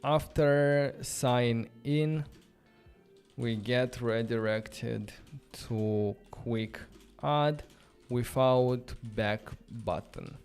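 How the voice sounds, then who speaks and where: With faint music in the background, a coding livestream host with a Romanian accent chats loosely as he thinks aloud, using lots of fillers in English, which isn't his native language. His voice is mid-range and a little mellow, and he draws out his words.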